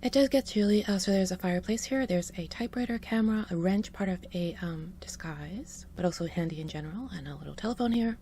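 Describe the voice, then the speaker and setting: Fast-talking woman with a mellow low voice. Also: a little hiss or hum. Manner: quick chatty narration with fillers, trailing into breathy asides. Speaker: game video narrator. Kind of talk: casual build narration.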